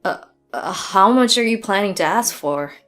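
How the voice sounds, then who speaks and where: A woman's voice: mid-range voice, lively intonation, normal speed, a bit bright, close to an everyday voice. A woman voicing a cornered husband who stammers and begs, stumbling over his words. The voice stays close to her own, with faint music behind. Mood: hesitant. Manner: stammering, begging.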